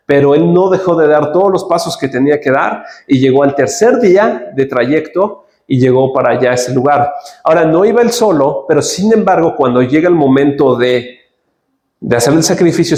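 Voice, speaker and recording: A man's voice: a little high, fairly quick, darkish tone. A man preaching a teaching sermon and reading scripture aloud, in a conversational way that keeps checking in with the listeners. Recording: echoey room.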